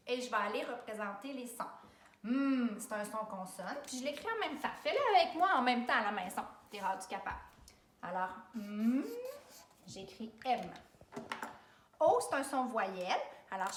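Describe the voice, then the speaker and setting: A woman with a Québécois French accent gives a children's spelling lesson in a fairly high voice. She is patient and takes things step by step, talking directly to the child. She sounds a little away from the mic, in a roomy space. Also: fairly bright tone, recorded from a distance, slight background noise. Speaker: teacher.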